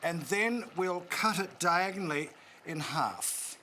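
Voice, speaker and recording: A man's voice: high voice, expressive, slow, pushed and bright, slight background noise. A man with a New Zealand accent demonstrating a recipe on a cooking show, chatty and instructive with joking asides.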